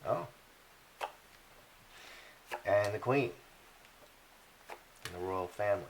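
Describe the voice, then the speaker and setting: A man's voice: fairly low pitch, slow, slight background noise. A man reading playing cards and commenting in a rambling, opinionated monologue, full of fillers and restarts. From Polish heritage. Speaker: card reader and commentator. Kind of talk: casual monologue.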